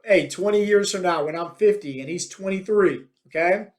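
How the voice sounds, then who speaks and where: A man in his thirties speaks at a normal speed in a voice that sits high. As host of his own fitness podcast, he gives a motivational monologue, talking bluntly and energetically while leaning heavily on "like" and "right?".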